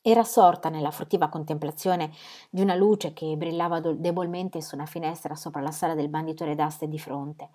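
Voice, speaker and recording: A woman reads a novel aloud in a warm, mellow voice that sits on the low side. Her storytelling is measured and expressive, the steady pace of an audiobook. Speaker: reader. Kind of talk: audiobook narration.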